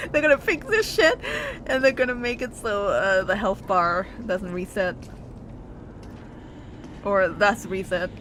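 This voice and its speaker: A woman's voice: medium pitch, sharp tone, a little hiss or hum. A woman streaming a video game with casual, chatty commentary, swearing and laughing as she talks.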